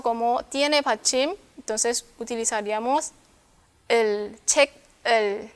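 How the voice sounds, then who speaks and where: Woman teacher, smooth clear voice, a bit high, patient and methodical. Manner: patient, repeats words and checks understanding with "¿sí?". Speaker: Korean language teacher. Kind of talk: classroom lesson explanation.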